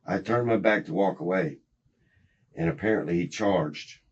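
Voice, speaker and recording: A man's voice: deep voice, normal speed, breathy edge. A middle-aged man, rambling and swearing as he recounts events in a recorded police interrogation. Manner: rambling, profane, agitated recounting. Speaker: interrogation suspect. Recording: muffled interrogation room recording.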